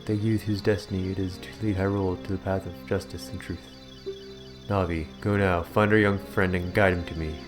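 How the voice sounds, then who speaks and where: A man reading aloud as an ancient guardian tree spirit, slow, solemn and old-fashioned. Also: deep voice, fairly even intonation, over music, close to an everyday voice. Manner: slow, archaic, grave.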